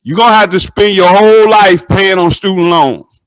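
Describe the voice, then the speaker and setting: A man, hosting a casual interview and telling animated stories that act out the dialogue. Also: high voice, moderate pace. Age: 30s. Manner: animated storytelling, acts out dialogue.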